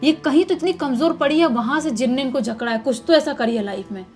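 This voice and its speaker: A woman narrates a true horror tale in a relaxed, chatty way, with a fairly high voice. Faint music runs underneath. She recounts the events plainly, like telling a friend. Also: fast talker. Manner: casual, conversational retelling. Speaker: horror storyteller.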